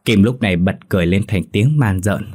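A man narrating a horror story in a steady, grave tone. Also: lowish voice, fairly quick, breathy edge.

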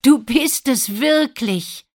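A young fairy-tale prince, read by a woman, earnest and eager, his lines lifted with feeling. The voice is low for a woman, with lively rises and falls. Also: measured pace.

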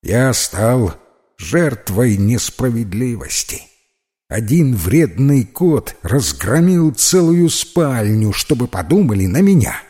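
Man doing a bossy, proud puppy in a storybook, lively, slightly raised voice. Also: medium pitch, takes it slowly. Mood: aggrieved. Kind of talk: audiobook character voice.

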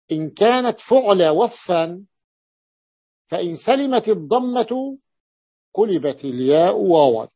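A man teaching Arabic morphology as a sheikh, repeating key phrases and pausing to confirm each point. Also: high-pitched, no echo. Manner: repeats phrases, stretches words, often confirms with a short "yes". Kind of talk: classroom lecture explaining a text. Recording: dull lo-fi, dry sound.

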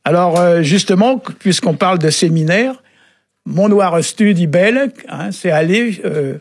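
A man explaining word meanings on a radio show in a relaxed, halting way, often pausing with filler sounds. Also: high-pitched, breathy edge. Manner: halting, often adds "hein" and "euh". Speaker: Breton language expert on a radio show.

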